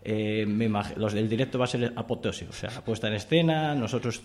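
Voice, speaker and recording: A man's voice: on the low side, a little fast, darkish tone. A man, a guest on a radio show, chatting enthusiastically about the festival he helps organize, with many restarts. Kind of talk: radio interview chat. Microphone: studio radio mic.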